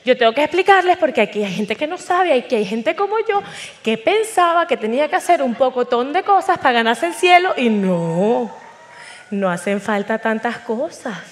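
A woman's voice: a little high, big pitch swings, normal speed, slight background noise. A woman giving a chatty, self-mocking testimony talk on an auditorium stage before a live audience, acting out the voices in her quotes. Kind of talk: humorous personal testimony talk.

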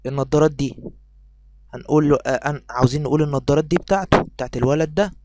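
A man's voice: a little high, noisy background. Patient Egyptian man teaching. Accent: Egyptian Arabic. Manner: patient, drawn-out English words, quizzes pupils. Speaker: English teacher. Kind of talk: recorded lesson for children.

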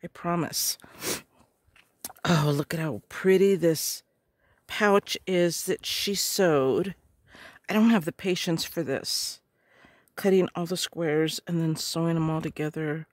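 A middle-aged woman with a slightly hoarse voice gushes over each craft supply she unwraps, often clearing her throat. Her voice sits a little low and she speaks slowly, lingering on her words. The sound is close and dry, with no room echo. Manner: gushing, slow and murmuring. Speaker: craft vlogger. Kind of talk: casual unboxing chat.

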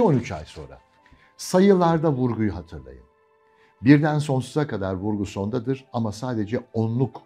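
Lively-voiced male diction teacher. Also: mid-range voice. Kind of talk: diction lesson with practice text reading.

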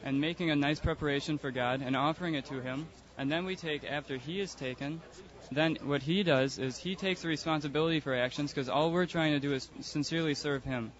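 Earnest, calm man debating on the street. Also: a little high, fairly quick, highs cut off. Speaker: passerby in a religious debate. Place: outdoors on a city street.

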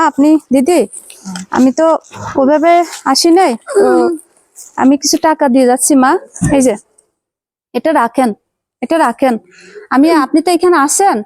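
Gentle, soothing woman visiting a patient. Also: sits high, normal speed, long pauses, no echo. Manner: gentle, soothing, repeats "mother" often. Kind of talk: charity visit interview. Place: hospital ward.

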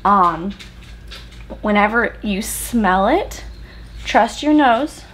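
A woman's voice: medium pitch, lively intonation, very slow, fairly bright tone, slight background noise, rough recording. A woman in her thirties talking to the camera as she cooks in her home kitchen, explaining each step in a casual, chatty way. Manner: chatty, explains steps while working, talks to camera. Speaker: homesteading cooking vlogger. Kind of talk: casual step-by-step cooking tutorial.

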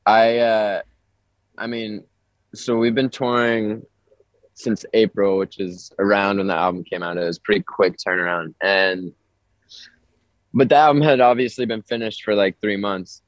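A man's voice: low-pitched, no echo. Man speaking over the phone. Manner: relaxed, rambling, lots of "like" fillers. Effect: heard over the phone. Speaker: touring musician. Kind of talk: casual phone interview. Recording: dry, muffled phone line.

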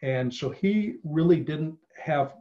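A man's voice: fairly high pitch, animated, takes it slowly, noisy background. A middle-aged man giving a casual online presentation, with many fillers and restarts, speaking over a video call. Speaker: genealogy presenter. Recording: slightly dull video call audio.

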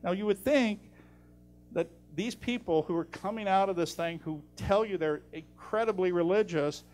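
A middle-aged man, a guest speaker answering audience questions, blunt and animated with jokey asides. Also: sits high, normal speed. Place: lecture room in a library. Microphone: handheld mic.

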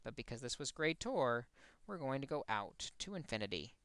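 A man's voice: mid-range voice, very animated, normal speed, a bit bright, clear, resonant tone, dry recording. A man teaching a recorded math lesson, explaining step by step and correcting his own slips.

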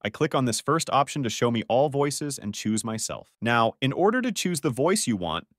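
A man talks through a software tutorial, his pitch moving in a lively way. He explains each step plainly and in order. The sound is close and dry, with no room echo. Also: moderate pace. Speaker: tutorial narrator. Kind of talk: screen-recording tutorial narration.

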